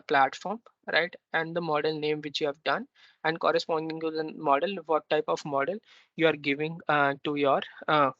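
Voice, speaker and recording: A man leads a technical workshop over a video call, walking through each step and tagging his points with a questioning "right?". His voice sits a little high. The call audio is slightly dull and dry, with no room echo. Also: bright, forceful tone. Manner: explains step by step, often ends with a questioning "right?". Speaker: workshop instructor. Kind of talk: technical tutorial walkthrough. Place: remote meeting.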